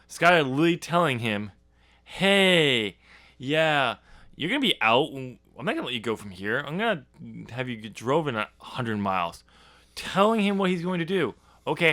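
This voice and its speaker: Here a male podcast host and author, with a medium-pitched, sing-song voice and a sharp tone, talks at normal speed. The talk is a casual, hesitant, explanatory walk through his own novel draft.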